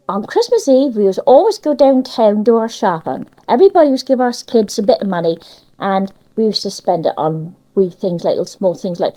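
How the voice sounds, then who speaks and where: Heard through poor audio, a mid-range, dark-toned female voice belongs to an older Cornish woman from Cornwall, England. As an interviewee, she chats casually about her local memories in dialect, dropping in lots of tag questions.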